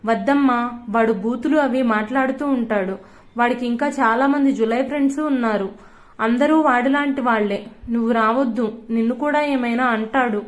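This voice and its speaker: A woman's voice: on the high side, normal speed, lightly acted. A woman voicing a scared, tearful teenage schoolgirl. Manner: pleading, sobbing.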